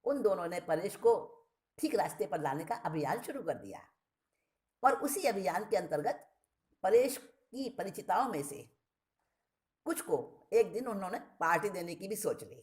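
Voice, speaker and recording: A woman reading a short story aloud, expressive and often restating a word with a plainer synonym. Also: mid-range voice, unhurried.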